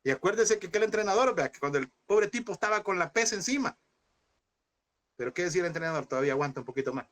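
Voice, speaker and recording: A fervent man in his thirties preaching at a seminary class, with a fairly high voice. He keeps calling his listeners "brother" and speaks with grief in his voice. He pushes them to persevere. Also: lively intonation, fast, a bit bright. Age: 30s. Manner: fervent, addresses listeners as "hermano". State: emotional, speaking through grief. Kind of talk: impassioned sermon-style class.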